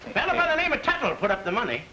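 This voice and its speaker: An actor playing a gruff, bossy small-town policeman in a 1930s film, blustering and using tough-guy slang. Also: very high-pitched, sing-song, rapid-fire, pushed and bright, lo-fi sound, full character voice. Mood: scolding. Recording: old film soundtrack with hiss.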